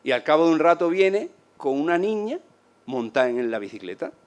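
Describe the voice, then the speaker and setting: A man's voice: a little high, brisk, smooth. Man telling travel anecdotes in Andalusian Spanish. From Spain. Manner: animated, acts out voices of people he met. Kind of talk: casual storytelling talk.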